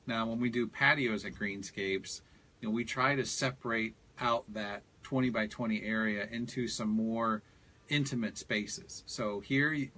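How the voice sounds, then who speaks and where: Low-voiced man explaining garden design. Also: fairly bright tone. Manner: explanatory, many "you know" fillers. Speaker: landscape designer guest. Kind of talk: casual radio talk.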